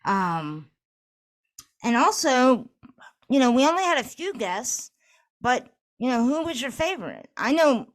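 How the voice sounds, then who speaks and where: A woman's voice: high voice, big pitch swings, unhurried, long pauses. A woman co-hosting a casual podcast, talking through plans in an organized way with plenty of "you know" fillers. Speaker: podcast co-host.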